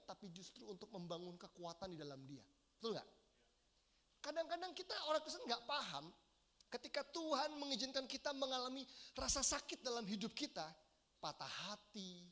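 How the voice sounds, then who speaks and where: A man's voice: very high voice, a bit bright. A man in his thirties preaching a sermon as pastor, earnest and addressing the congregation directly with questions. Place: large church hall.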